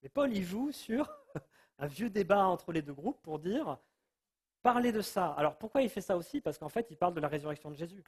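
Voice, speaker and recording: A man giving an informal Bible teaching, telling the story in a lively way and acting out the people he quotes. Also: high-pitched, fairly quick, breathy edge. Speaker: preacher.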